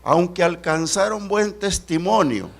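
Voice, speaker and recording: A man with a Salvadoran Spanish accent preaching a sermon as pastor, swinging between loud emphatic peaks and low quiet drops. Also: lively intonation, unhurried, creaky.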